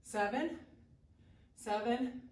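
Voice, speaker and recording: A woman's voice: a little high, very slow, a little mellow. A woman leading a workout as an aerobics instructor, calling out short, encouraging cues and counts. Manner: short commands and counts called out during exercise. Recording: roomy echo, distant from the mic.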